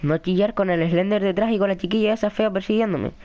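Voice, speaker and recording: A man with a Spain Spanish accent, commentating a horror game and chatting with viewers in a jumpy, excitable way. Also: high voice, fast. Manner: jumpy, excitable, yelps and shrieks when startled; chatty, talks to viewers and a friend in the room. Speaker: gaming commentator. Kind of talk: horror let's-play commentary.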